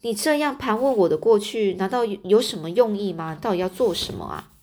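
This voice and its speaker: A woman's voice: mid-range voice, very animated, fairly quick, a little mellow, slight background noise. A woman voicing a guarded, evasive young man in a storybook reading. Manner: curt, evasive replies.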